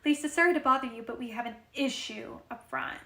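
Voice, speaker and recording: A woman reading aloud and voicing a nosy, outspoken clinic receptionist, loud and sassy. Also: on the high side, a little fast. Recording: roomy echo.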